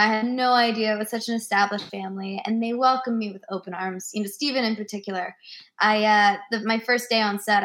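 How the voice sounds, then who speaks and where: A woman in her twenties, a guest actress on a remote interview, telling animated stories and acting out the people in them. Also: medium pitch. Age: 20s. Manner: animated storyteller, acts out quoted dialogue.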